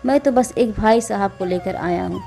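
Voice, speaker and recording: A woman's voice: medium pitch, normal speed, vocal fry, mellow, faint music behind, close to an everyday voice. A woman voicing a simple, uneducated village man who greets people innocently and kindly. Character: simple-minded village man, cheerful and naive.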